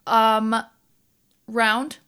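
A woman's voice: on the high side, level tone, very slow, a bit bright, clear, resonant tone. A woman co-hosting a podcast, chatting casually with giggly, playful asides. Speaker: podcast co-host. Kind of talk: casual chat.

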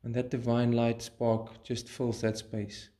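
A mid-range male voice leads listeners through a meditation. The pace is measured and the tone calm and soothing, and he pauses between his brief phrases.

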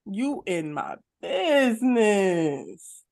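A woman's voice: medium pitch, sing-song, extremely slow, gravelly, darkish tone. A woman co-hosting a podcast in casual, slangy banter, often checking that the listener follows. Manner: slangy, conversational, peppers talk with check-in questions. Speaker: podcast co-host.

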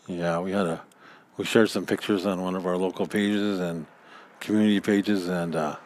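A man's voice: deep voice, fairly even intonation, moderate pace, a little mellow, a little hiss or hum. A man co-hosting a casual podcast outdoors, trailing off into mumbled asides. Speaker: podcast co-host. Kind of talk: casual chat. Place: outdoors under a backyard overhang by a fire pit.

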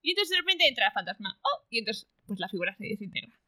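Bright-voiced woman recapping a book. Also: mid-range voice, big pitch swings, quick pace, dry recording, poor audio. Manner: retells the plot with acted quotes and laughter. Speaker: podcast co-host. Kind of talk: casual book-club chat.

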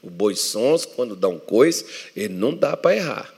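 A Brazilian male pastor preaches with a gravelly, textured voice in a church hall. He swings from loud emphatic declarations to hushed, close storytelling. A long reverb trails behind his words. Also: fairly low pitch, big pitch swings, moderate pace. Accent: Brazilian Portuguese. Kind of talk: sermon.

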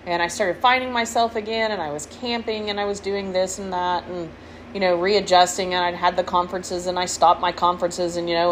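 A middle-aged woman hosting a podcast as a casual, candid, rambling personal monologue, recorded in a room with fans running. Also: fairly low pitch. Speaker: podcast host. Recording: noisy, window units and fans humming.

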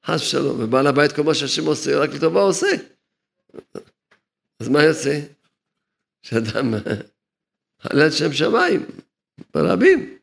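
Gravelly high-voiced man teaching religion. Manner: repetitive, explanatory, chuckles at his own points. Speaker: rabbi teaching a Torah lesson. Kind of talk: religious lesson.

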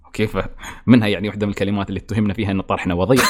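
Fast-talking Emirati man, joking. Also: lowish voice, level tone. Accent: Emirati Gulf Arabic. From UAE, Al Ain. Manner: joking, teasing, laughs often. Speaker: podcast host. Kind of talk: casual podcast chat.

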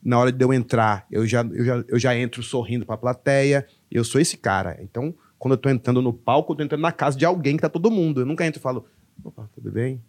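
Brazilian male comic guest, profane animated storyteller, casual podcast chat. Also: medium pitch, fast talker, hardly any pauses. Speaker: stand-up comedian guest.

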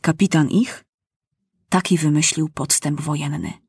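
A woman narrating a children's storybook aloud, animated and acting out the characters. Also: sits low, a little slow, husky, no room sound, clean studio sound.

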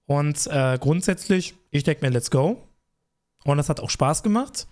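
Ein junger Mann, Co-Host eines Podcasts, der locker plaudert und lebhaft staunend reagiert. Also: male voice, fairly high pitch. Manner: animated, quick astonished reactions. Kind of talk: casual chat.

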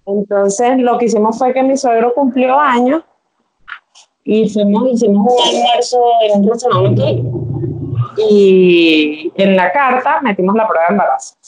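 Animated young Venezuelan woman telling a story. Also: on the high side, a little slow, rough recording. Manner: animated, acts out quoted voices. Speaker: guest. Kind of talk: casual storytelling.

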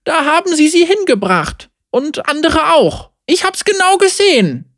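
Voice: high-pitched, big pitch swings, unhurried, fairly bright tone, dry recording, studio quality, pitched above the performer's own voice, full character voice. Frightened little boy, as a narrator puts him on. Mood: pleading. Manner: breathless, pleading.

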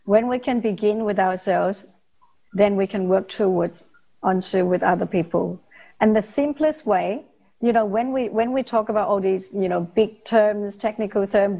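A woman's voice: mid-range voice, fairly even intonation, moderate pace, mellow. A woman in her forties from Vietnam, answering interview questions earnestly and often repeating her key phrases. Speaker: interview guest, nonprofit founder.

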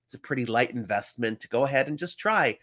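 A man's voice: mid-range voice, fast talker. A middle-aged man hosting an informal, enthusiastic solo book podcast, his voice slightly congested and stuffy from a cold. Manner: informal, emphatic, animated. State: getting over a cold. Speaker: podcast host.

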